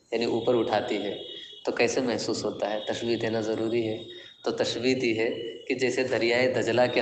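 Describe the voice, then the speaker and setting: Speaking in a mid-range voice over slight background noise, a man explains classical Arabic poetry verse by verse in Urdu and poses questions to his class. His words echo through a classroom with long reverb.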